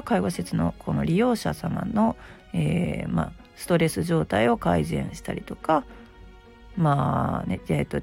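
A middle-aged woman with a gravelly, just-woken hoarse voice, chatting casually and self-deprecatingly as the host of a solo show. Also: lowish voice, a little mellow. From Osaka, Japan. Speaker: host, aromatherapy shop presenter.

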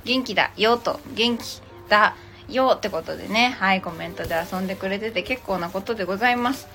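A woman's voice: medium pitch, a little fast, a bit bright. A woman hosting a casual tarot livestream, chatting playfully with commenters and switching between polite and teasing casual speech. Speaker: livestream host and tarot reader. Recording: music playing behind the voice. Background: music.

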